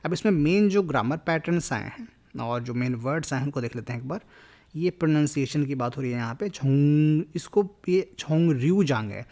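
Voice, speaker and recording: A man's voice: mid-range voice, darkish tone. A man teaching a language lesson, explaining grammar in a mix of Hindi and English.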